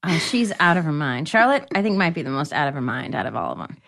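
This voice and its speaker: A woman talks through a show with a friend on a podcast in a relaxed, chatty way. Her voice sits on the low side for a woman. She laughs easily and keeps breaking into quick impressions of the scenes she describes. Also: vocal fry. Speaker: podcast co-host. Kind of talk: casual podcast chat.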